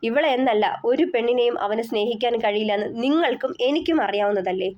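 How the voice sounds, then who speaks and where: A woman's voice: on the high side, quick pace, lightly acted. A woman voicing a scornful, defiant middle-aged woman who mocks the family, on a slightly dull recording. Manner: mocking, cutting.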